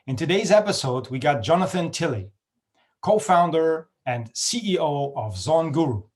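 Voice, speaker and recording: A man hosting a podcast, asking questions in a friendly, halting way with many fillers. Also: a little high, lively intonation. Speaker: podcast host. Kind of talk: casual interview chat.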